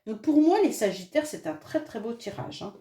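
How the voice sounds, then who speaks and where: Speaking at a moderate pace in a slightly high, very animated voice, a French-accented woman does a monthly tarot reading despite a head cold. She's chatty and reassuring, hesitating often and using fillers, and the mellow sound is reverberant.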